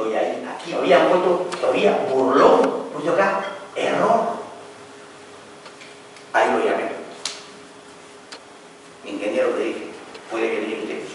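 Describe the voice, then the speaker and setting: A man gives a building-supervision lecture, telling a work story with a lively, swinging voice. He is heard from across a big echoing hall, with a faint hiss behind him. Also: medium pitch. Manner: animated storyteller, acts out quarrels. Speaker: construction instructor. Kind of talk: lecture with anecdote. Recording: echoey hall from far off, faint noise.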